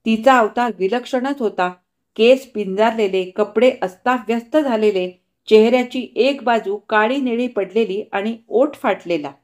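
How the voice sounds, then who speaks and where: A woman reading a short story aloud, with expressive, steady narration. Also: a little high, unhurried.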